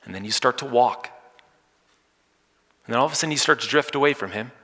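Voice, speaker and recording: Bright-voiced pastor preaching in a hall. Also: male voice, mid-range voice, fast. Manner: dynamic, swinging from loud emphasis to soft hushed lines. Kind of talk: sermon. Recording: long hall reverb.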